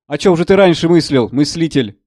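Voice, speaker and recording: A man voicing a gruff, sardonic older doctor who holds a general's rank, mocking and blustering, in an audiobook reading of a play. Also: fairly high pitch, lively intonation, brisk, dry recording, clean studio sound. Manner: blustering, mocking, shouts out bursts.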